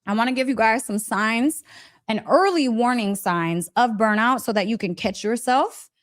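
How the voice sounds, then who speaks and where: In a relaxed motivational wellness talk, a live coach speaks at a normal speed in a slightly high female voice. She is emphatic and chatty, adds frequent check-in tags for her audience, and bursts into laughter.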